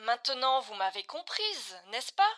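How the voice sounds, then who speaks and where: A woman's voice: sits high, very animated, a little slow, fairly bright tone, full character voice. An actress playing an impatient woman who keeps repeating a question and grows exasperated, in a surreal comic dialogue. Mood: insistent. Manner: exasperated, sighing, increasingly irritated.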